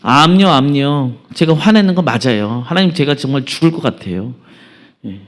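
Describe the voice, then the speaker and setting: A man's voice: medium pitch, lively intonation, normal speed, darkish tone, natural voice. A man voicing an indignant male prophet who complains with exasperation. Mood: exasperated.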